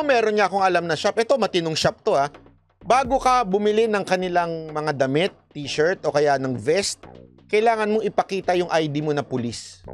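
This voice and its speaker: A man vlogger giving casual commentary on the news, addressing officials directly and laughing at his own jokes. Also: sits high.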